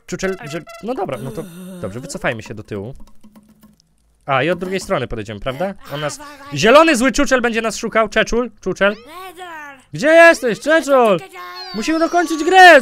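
A man giving jokey let's-play commentary, goofing around with silly name twists and sudden loud outbursts. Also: high voice. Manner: goofy, jokey, mispronouncing names on purpose, bursts of loud outbursts. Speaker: gaming YouTuber.

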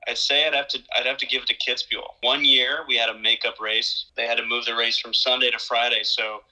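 A man in his thirties, a pro ski racer, telling stories in a relaxed casual way on a home video call, often repeating words. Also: mid-range voice, brisk, low-quality recording. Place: small room at home. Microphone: video call webcam.

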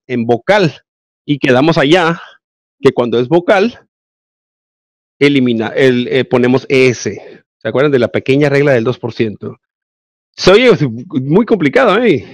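A man's voice: mid-range voice, no echo. A male English teacher with a Mexican Spanish accent, giving an online class and explaining grammar step by step with frequent check-ins.

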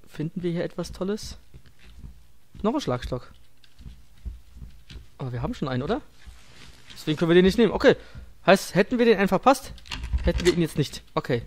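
Male let's player, scared and jumpy horror game commentary, fairly high-pitched, crude casual slang, noisy background. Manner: crude, slangy, self-deprecating joking. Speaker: let's play streamer.

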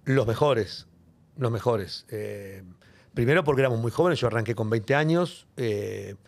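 A man's voice: medium pitch, expressive, measured pace, gravelly, darkish tone. A middle-aged man from Argentina with a Rioplatense accent, a comedian telling stories in a casual interview and acting out quotes in raised voices. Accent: Rioplatense Spanish. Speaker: guest comedian. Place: studio.

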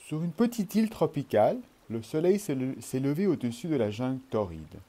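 Man, children's story reader, mellow dark tone, expressive. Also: mid-range voice, a little fast.

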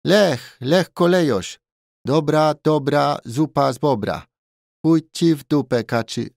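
A man voicing a pushy, grinning male Thai bartender with a Thai accent who speaks broken English loudly and jollily. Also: a little high, slow pace, gravelly, no room sound, studio quality, voice pushed up. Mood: jolly. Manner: broken English, loud and jolly.

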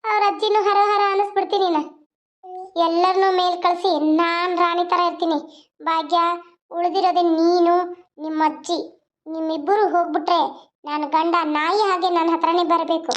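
A woman's voice: very high-pitched, little pitch movement, normal speed. A woman voicing a scheming, spiteful young woman in a cartoon, with a sneering, taunting manner. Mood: gloating. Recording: dull lo-fi.

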